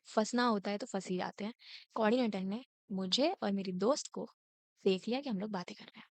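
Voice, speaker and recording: A woman in her late teens telling a school story in a casual, indignant way, switching between Hindi and English and mimicking a scolding teacher in sharp raised lines. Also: medium pitch, no room sound.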